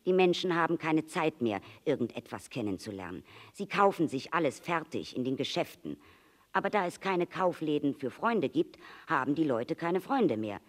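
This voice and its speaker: Reading from a storybook, a narrator voices an earnest fox with a wistful heart. The mid-range voice moves at normal speed in lively leaps, explaining with emphasis and pleading for friendship.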